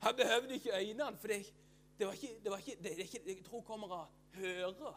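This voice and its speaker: A man's voice: sits high, a bit bright. A man preaching a sermon with fervor and emphasis. He asks and answers his own questions, repeats phrases and keeps breaking into hallelujahs.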